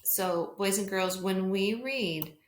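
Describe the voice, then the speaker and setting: A woman's voice: medium pitch, slow, a little hiss or hum. A woman speaking as a kindergarten teacher, talking simply to small children as if reading aloud to them in a read-along lesson. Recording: roomy echo.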